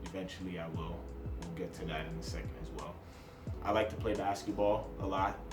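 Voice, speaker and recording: A man's voice: low-pitched, steady tone, fairly quick, reverberant, music in the background. A man in his twenties from New Jersey, chatting casually to camera in his first vlog, self-deprecating and hopping from topic to topic. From New Jersey, USA. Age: 20s. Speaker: vlogger.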